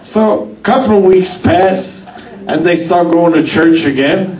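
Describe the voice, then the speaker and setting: A man's voice: high-pitched, a little slow, a little mellow. A man telling a comic story on stage and mixing dialect into broken English. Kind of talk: stand-up storytelling. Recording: roomy sound from a distant mic.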